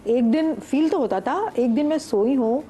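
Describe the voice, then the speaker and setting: A middle-aged woman sits on a TV studio set and tells a spooky personal story with animated, vivid detail. Her voice sits a little high but sounds mellow and soft-edged. A faint hum of noise runs underneath. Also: normal speed. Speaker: guest. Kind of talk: storytelling on a talk show.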